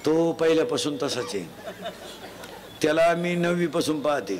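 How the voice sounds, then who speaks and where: A man giving a humorous moral sermon to a festival crowd, teasing and quizzing the children loudly. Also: a little high, lively intonation, normal speed. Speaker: folk preacher addressing a crowd. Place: outdoor festival gathering. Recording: noisy live crowd recording.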